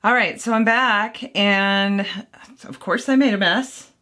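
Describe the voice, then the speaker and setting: In a casual how-to vlog, a woman walks the viewer through making mead at home, rambling, thinking aloud and poking fun at her own mistakes. Her mid-range voice is pushed and bright, and she takes things slowly.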